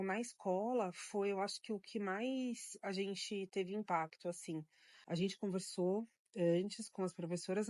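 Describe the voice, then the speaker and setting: A mother speaking in a documentary interview, giving a calm, matter-of-fact account. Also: medium pitch, no room sound. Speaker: parent interviewee.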